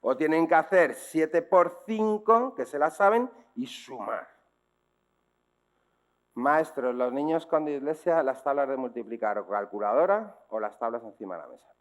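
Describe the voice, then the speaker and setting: A man's voice: a little high, expressive, unhurried. A man with a Spanish accent from Spain giving a public talk to teachers and parents, explaining in a didactic way and often checking in with rhetorical questions. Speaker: speaker on dyslexia.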